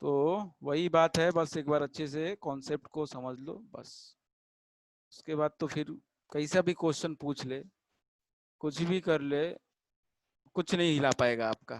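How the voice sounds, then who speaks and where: A man's voice: fairly high pitch, no room sound. Patient male chemistry teacher, dry close sound. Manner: patient, checks understanding often, drawls English terms slowly. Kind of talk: classroom lecture.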